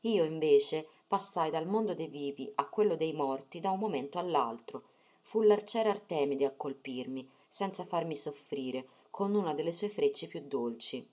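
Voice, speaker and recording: A woman reading the part of a mother's gentle ghost, speaking tenderly and soothingly. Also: low voice, lively intonation, moderate pace.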